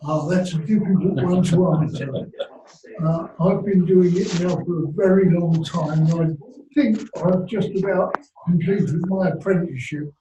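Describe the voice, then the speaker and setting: Slow, mellow-voiced man in his eighties, measured panelist, distant mic in a roomy hall. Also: high-pitched, dull audio. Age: 80s. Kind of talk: panel discussion.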